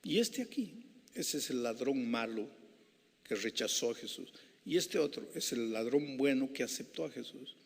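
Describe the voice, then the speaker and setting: A man preaching an evangelistic sermon, shifting between hushed, intimate passages and impassioned, rising climaxes. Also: medium pitch, lively intonation, moderate pace, vocal fry. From Peru. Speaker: pastor. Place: large civic center hall. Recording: reverberant civic hall.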